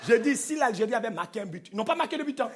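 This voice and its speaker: High-voiced man doing live stand-up. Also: rapid-fire. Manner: animated, playful, crowd work with mock accents. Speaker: stand-up comedian. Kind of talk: stand-up comedy routine. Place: large theater stage before a live audience. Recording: live concert recording with crowd noise. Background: audience laughter and noise.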